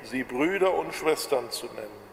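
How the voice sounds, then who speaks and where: A man from the Ruhr area preaching a sermon with a Ruhr German accent, slow and measured, drawing out his words. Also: medium pitch, lively intonation, creaky, echoey room, big-room sound, slight background noise. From Bochum, Ruhr area, Germany. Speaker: pastor.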